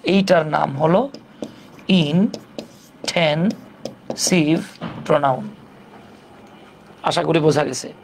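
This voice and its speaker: A man's voice: on the high side, drawn-out words, gravelly, long pauses, slight background noise. A man teaching English grammar in a casual, step-by-step way, asking rhetorical questions and joking in colloquial speech. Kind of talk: casual classroom lesson.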